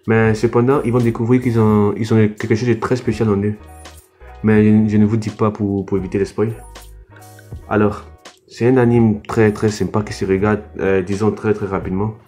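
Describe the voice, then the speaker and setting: A man's voice: fairly low pitch, little pitch movement, normal speed, mellow, soft background music. A young French man reviewing anime casually, hesitant, with frequent fillers and restarts. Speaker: anime YouTuber.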